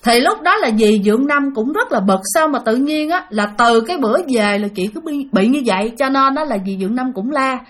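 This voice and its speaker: A woman narrates a ghost story, her voice pitched high. She speaks in a chatty way and turns to her listeners often. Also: lively intonation, fairly quick, hardly any pauses. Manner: chatty, addresses listeners directly.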